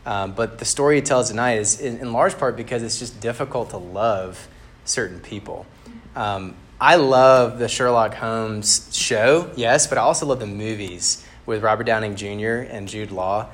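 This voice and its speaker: A man giving a relaxed, conversational sermon to a campus group. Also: fairly low pitch, moderate pace. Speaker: campus ministry speaker. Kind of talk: casual sermon.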